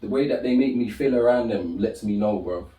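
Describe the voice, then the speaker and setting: A young man from Britain, co-hosting a podcast in casual chat, animated and full of slang, jumping up in pitch when telling stories. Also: a little fast. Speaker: podcast co-host. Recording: roomy, from far off the mic.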